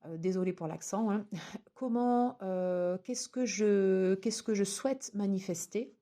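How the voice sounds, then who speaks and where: A woman talks through a tarot deck and its guidebook in a relaxed, chatty way. Her voice is warm and mellow at a middle pitch. She often stops, restarts and fills gaps as she goes. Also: unhurried. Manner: chatty, many fillers and restarts. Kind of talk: casual unboxing review.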